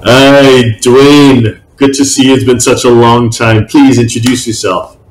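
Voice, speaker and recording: A man's voice: medium pitch, flat delivery, a little slow. A man interviewing a guest in a casual way, asking open questions and giving frequent murmured agreement. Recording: roomy echo.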